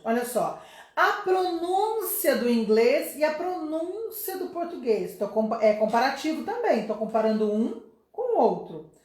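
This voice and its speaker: A woman's voice: on the high side, roomy sound. A middle-aged woman teaching an English lesson, explaining patiently step by step and checking in with her viewers.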